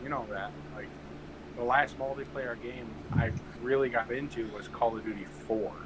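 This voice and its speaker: A man in his late thirties, a guest chatting casually on a stream, laid-back and quick to laugh. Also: medium pitch, fairly even intonation. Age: 30s. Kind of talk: casual chat. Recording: heavy background noise.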